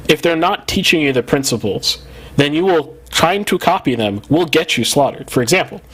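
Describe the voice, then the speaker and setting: A man's voice: a little high, expressive, moderate pace, slightly rough. A man hosting a podcast in casual, rambling talk with many fillers, his overdriven mic clipping and distorting. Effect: clipping, distorted mic turned up too loud. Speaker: podcast host. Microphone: studio mic, gain set too high.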